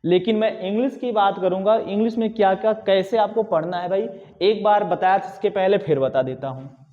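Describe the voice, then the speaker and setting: A man's voice: high voice, fairly quick. A man teaching a classroom lecture, urging students in a repetitive, conversational way. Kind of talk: classroom lecture on exam preparation. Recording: dull lo-fi sound with long reverb.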